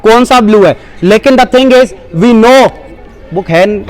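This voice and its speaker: A man's voice: high-pitched, slow pace. A man giving a live demonstration speech at a school seminar, coaxing the children and mixing in English phrases. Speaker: seminar presenter.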